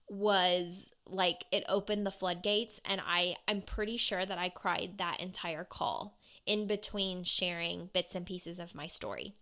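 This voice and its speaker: A woman's voice: mid-range voice, pushed and bright. A young adult woman hosting a podcast, telling her own story candidly in a conversational way with frequent filler words. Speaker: podcast host and coach. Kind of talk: personal storytelling monologue.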